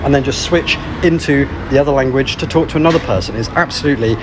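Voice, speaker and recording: A man's voice: medium pitch, fast. A British man from the UK talking to camera as a vlogger, chatty and reflective. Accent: British English. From United Kingdom. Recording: outdoor street noise.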